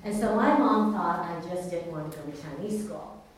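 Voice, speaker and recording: Speaking at normal speed in a voice on the low side, a woman raised in California after being born in Taiwan candidly tells her personal testimony with earnest storytelling. The distant mic captures strong room echo and faint noise.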